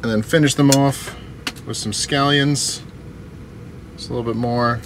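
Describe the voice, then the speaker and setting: A young man vlogging as he cooks in a small camper van kitchen, relaxed and chatty. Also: medium pitch, measured pace. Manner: relaxed, chatty, talks while cooking. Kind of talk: casual cooking vlog. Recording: noisy camper van recording.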